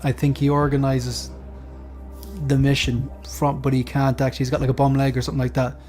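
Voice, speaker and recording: A man taking part in a quiz, chatting casually and reasoning out loud in a rambling way. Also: mid-range voice, level tone, a little fast. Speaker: quiz contestant. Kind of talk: casual chat, thinking out loud. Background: faint music.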